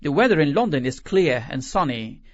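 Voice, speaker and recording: A man reading scripted flight announcements in a formal, clearly enunciated way. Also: on the high side, big pitch swings, a little fast, dry recording. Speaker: announcer reading listening-exercise examples. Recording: dull, lo-fi audio.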